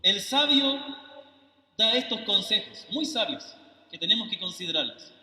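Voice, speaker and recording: Earnest preacher man, high bright voice. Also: lively intonation, moderate pace. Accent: Chilean Spanish. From Chile. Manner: earnest, pleading, asks "do I make myself understood?"; emotional, rises to forceful rebuke. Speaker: missionary preacher. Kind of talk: sermon. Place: church sanctuary. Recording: echoey hall, voice from far off.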